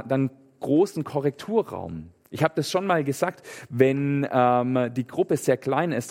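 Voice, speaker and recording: A man's voice: mid-range voice, darkish tone, long reverb tail. A male pastor giving a sermon in an earnest, conversational way, with fillers and restarts.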